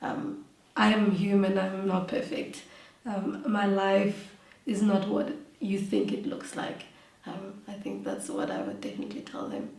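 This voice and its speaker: Young South African woman, interviewee, slow and gravelly, recorded from afar in an echoey room. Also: mid-range voice, expressive, recorded from a distance. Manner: soft-spoken, giggly, hesitant with many ums. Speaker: interviewee, nail tech. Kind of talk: casual interview.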